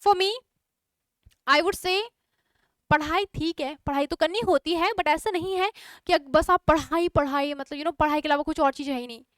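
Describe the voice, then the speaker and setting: In a studio-quality recording free of echo, a young Indian English-accented teacher runs an online exam-prep class at a normal pace. Her high-pitched, slightly bright voice stays chatty as she switches between Hindi and English and poses questions to students.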